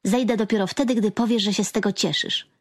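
A woman's voice: mid-range voice, steady tone, fast talker, natural voice. A woman voicing a playful young woman, the older sister, talking eagerly in a storybook reading.

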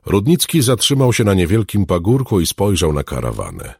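A man narrating a fantasy novel as an audiobook, with expressive storytelling, recorded close on a studio mic. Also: deep voice, fairly quick, vocal fry, husky, dry recording.

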